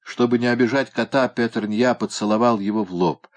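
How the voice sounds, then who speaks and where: A man narrating a story in an even, measured reading voice. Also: mid-range voice. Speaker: reader. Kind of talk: audiobook narration.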